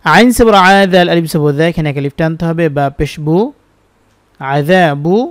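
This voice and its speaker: A man with a Bangladeshi Bengali accent teaching Quran reading, spelling each word letter by letter and then chanting the verses slowly. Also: a little high, no room sound, studio quality. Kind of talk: spelled-out Quran recitation lesson.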